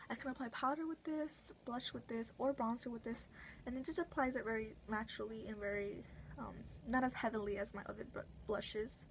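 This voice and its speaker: A woman's voice: a little high, a little hiss or hum, rough recording. A young woman casually reviewing her makeup brushes at home, rambling with lots of fillers and self-corrections. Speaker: beauty vlogger.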